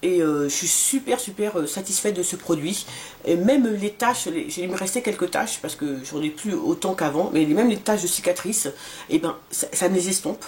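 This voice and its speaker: A woman's voice: lowish voice, lively intonation, normal speed, darkish tone. A woman in her forties casually reviewing a skincare serum for her vlog, talking with many fillers and restarts. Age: 40s. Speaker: beauty vlogger.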